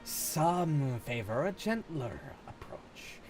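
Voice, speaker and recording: A man voicing a stern serpent-like drill trainer from a video game, in a snake voice with hissed S sounds and slow, formal, archaic speech. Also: fairly high pitch, big pitch swings, over music. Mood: stern, measured. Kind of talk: video game dialogue read aloud in character.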